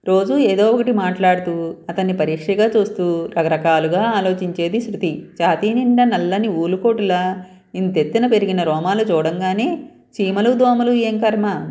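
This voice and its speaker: A woman storyteller reading a romance novel aloud in a steady, even way. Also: on the low side.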